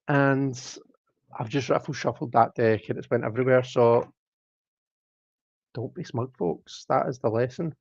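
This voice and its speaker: Man, casual tarot streamer, self-deprecating banter, mid pitch, dry and muffled home audio. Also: dry recording. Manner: chatty, self-mocking, reads out viewer comments. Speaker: tarot reader and livestream host. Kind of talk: casual live-stream chat.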